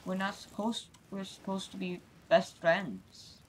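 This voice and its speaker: A man's voice: high voice, fairly even intonation, unhurried. A man voicing an apologetic video game hero in an amateur skit, whiny and melodramatic. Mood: pleading, sorry. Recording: noisy home recording with clicks.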